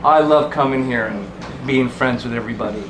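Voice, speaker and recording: A man's voice: medium pitch, a little fast, crowd noise. A man casually introducing himself at a storytelling circle, boastful and chatty. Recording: echoey room with loud background noise.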